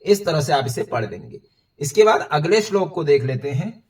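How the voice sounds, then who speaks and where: A man teaching how to recite Sanskrit verses, explaining hard words and chanting them slowly, syllable by syllable, at a whiteboard. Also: on the high side, animated, far from the mic. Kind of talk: step-by-step recitation lesson.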